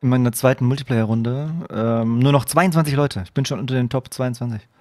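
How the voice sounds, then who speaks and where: Excitable man streaming a game, dry sound. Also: mid-range voice, a little fast, no echo. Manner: chatty, talks to viewers, bursts into excited shouts; drops to hushed muttering when sneaking. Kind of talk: live gameplay commentary. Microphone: desk microphone.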